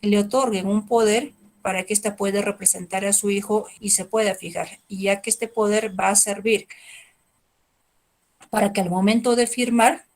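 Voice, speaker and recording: A woman with a Peruvian Spanish accent giving a family-law training lecture, explaining in a plain, measured way with rhetorical questions and small hesitations. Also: medium pitch, fairly even intonation.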